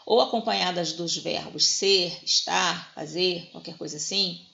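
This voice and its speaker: Gravelly-voiced Brazilian woman teaching grammar. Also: lowish voice, a little slow, pushed and bright. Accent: Brazilian Portuguese. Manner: explanatory, often checks in with "né?" and "tá?". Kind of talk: recorded grammar lesson. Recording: dull lo-fi recording.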